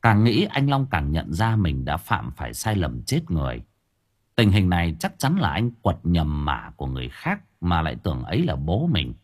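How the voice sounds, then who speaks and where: A man's voice: low-pitched, wildly swooping pitch, moderate pace, breathy edge. A man narrating a comic story in a wry, colloquial way. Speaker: audiobook narrator.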